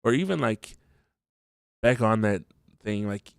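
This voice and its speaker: A man hosts a solo podcast monologue at home just after waking up, a bit stuffy from allergies. His voice is fairly low, slow, and animated, with vocal fry and a clean tone, and he chats casually with many ums and restarts. The studio-clean recording has no room sound.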